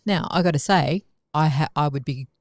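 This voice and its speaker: A woman's voice: low voice, moderate pace, no room sound, studio quality. A woman chatting on a podcast, thinking aloud in a reflective way and often restarting her sentences. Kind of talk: casual podcast conversation.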